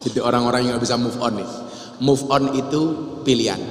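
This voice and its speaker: A man preaching a humorous sermon, swinging between loud exclamations and quiet asides. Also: mid-range voice, steady tone, a little fast, a little hiss or hum. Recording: echoey hall with long reverb.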